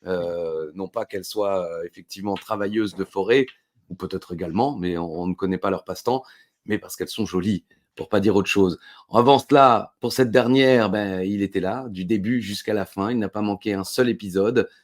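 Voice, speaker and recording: A man hosting a podcast in casual banter, teasing dryly with many fillers. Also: low-pitched. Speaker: podcast host.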